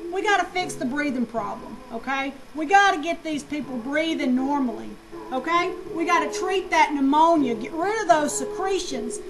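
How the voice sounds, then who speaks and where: A woman with a high, bright-sounding voice lectures a nursing class in a lively, slangy way. She fires questions at the students and answers them herself. The recording carries clear background noise. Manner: animated, slangy, asks and answers own questions.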